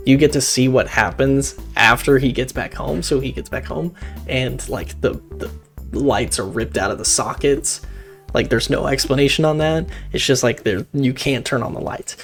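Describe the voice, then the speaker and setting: A man's voice: mid-range voice, normal speed, vocal fry, soft background music. Rambling man recapping a horror film. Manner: rambling, excitable, laughs, swears.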